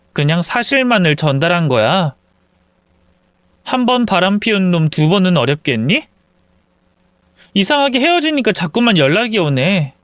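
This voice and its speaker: A woman narrating a true-life story in a calm, knowing, confiding tone. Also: mid-range voice, smooth, no room sound.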